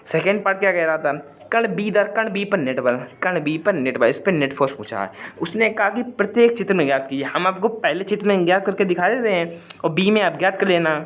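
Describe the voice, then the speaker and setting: Chatty male physics tutor, slightly high voice. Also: a bit bright. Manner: chatty, repeats points, asks viewers to comment, hums a song line at times. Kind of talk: explaining worked numericals in a video lesson.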